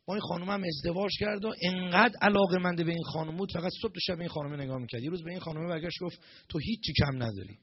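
A man giving a storytelling sermon as a preacher, animated and acting out the characters' lines in dialogue. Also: high-pitched, few pauses, slightly rough, no echo, muffled recording.

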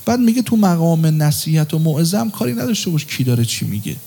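A man's voice: on the high side, very animated, gravelly, warm tone. A man giving a sermon in a conversational way, at times chanting a line in a sung tone. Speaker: preacher.

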